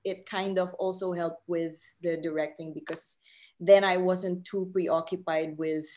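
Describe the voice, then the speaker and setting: A Filipina film writer and director in her thirties, appearing as a panel guest, gives casual, reflective interview answers over a video call from her living room, sounding hesitant. Her voice is on the low side, steady, a little slow and a little mellow, picked up by a laptop mic.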